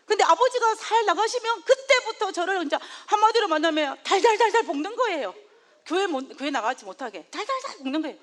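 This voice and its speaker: A woman's voice: very high voice, big pitch swings, a little fast. A woman from South Korea giving a sermon and telling a personal story, often laughing as she goes. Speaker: preacher.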